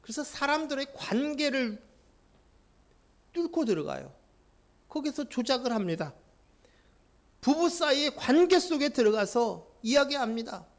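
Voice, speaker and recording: Guy preaching a sermon, fairly high voice, gets really fired up then drops quiet, keeps asking the church questions. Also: sing-song, a little slow, pauses often. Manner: impassioned, swings from quiet to loud; asks the congregation questions. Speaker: pastor.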